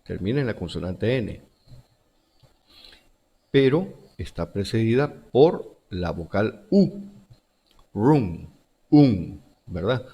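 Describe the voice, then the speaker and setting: A man's voice: on the low side, big pitch swings, slow pace, vocal fry, long pauses, dark tone, breathy edge. A male teacher giving a recorded grammar lesson to schoolchildren, repeating each example word and rule. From Central America.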